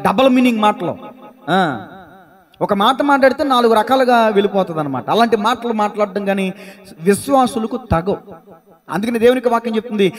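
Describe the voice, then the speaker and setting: A male pastor preaching a sermon in church, telling stories and calling on the congregation to answer aloud. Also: sits high. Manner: lively storytelling, calls on listeners to answer aloud.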